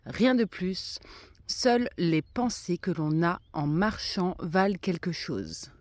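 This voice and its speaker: A woman's voice: lowish voice, expressive, takes it slowly, a little mellow, dry recording. A woman with a slight lisp musing aloud in a casual vlog, talking to herself and viewers as she walks outdoors. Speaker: hiker vlogging her walk. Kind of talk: casual spoken vlog while walking. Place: outdoors on a country trail. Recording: clear background noise, outdoor walk.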